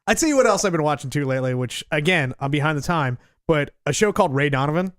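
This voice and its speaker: A man's voice: on the high side, animated, fast talker, no echo, studio quality. A man co-hosting a podcast in casual chat, talking enthusiastically with lots of restarts and easy laughter. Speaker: podcast co-host.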